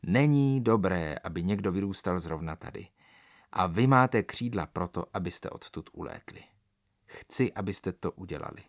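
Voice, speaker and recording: A man voicing a caring but firm mother cat in a read-aloud story, speaking softly and calmly. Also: sits low.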